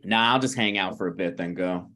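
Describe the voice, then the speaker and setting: At a script table read, a man in his thirties plays a needy, prickly, struggling screenwriter who talks in a pressing, conversational way. His voice is deep, brisk, pushed and bright.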